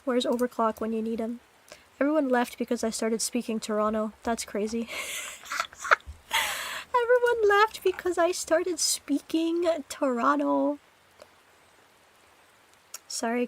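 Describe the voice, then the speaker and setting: A woman's voice: a little high, little pitch movement, moderate pace. A woman streamer chatting casually and playfully with her live chat, giggly and joking.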